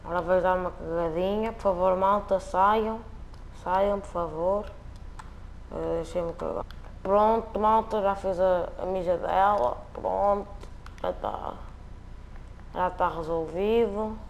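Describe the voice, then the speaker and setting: A man's voice: sits high, takes it slowly, gravelly, dull audio, slight background noise. A man with a European Portuguese accent giving joking, slangy commentary while playing a video game. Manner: joking, slangy, repetitive banter. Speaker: gameplay commentator. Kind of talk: casual gameplay commentary.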